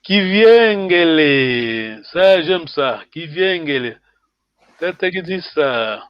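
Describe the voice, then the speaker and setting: Slow, high-voiced man teaching a class. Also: lively intonation, no echo, highs cut off. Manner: repeats words slowly, frequent "hein" checks; switches between French and Portuguese. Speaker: language teacher.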